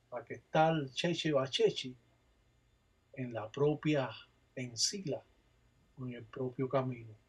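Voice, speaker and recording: A man's voice: medium pitch, a little mellow, husky. A man, a Palo Mayombe priest, giving a religious teaching narration and chanting ritual phrases with repeated refrains.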